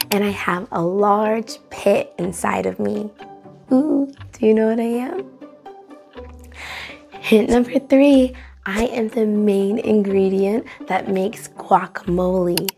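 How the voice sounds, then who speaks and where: Faint music plays behind a young woman with a mid-range, darkish voice who takes her time. As a children's story time host in her young adult years, she presents a read-along with encouragement and exclamations, addressing the kids directly.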